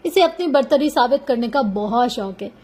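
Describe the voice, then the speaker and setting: Woman reading as calm soft-spoken young officer. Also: on the high side, moderate pace. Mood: gentle. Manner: gentle, persuasive.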